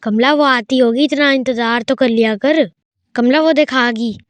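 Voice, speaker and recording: Excitable high-voiced woman playing a game. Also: moderate pace, no room sound. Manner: chatty, excitable, talks to herself while playing. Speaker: gameplay commentator. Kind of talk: playful gameplay commentary in character.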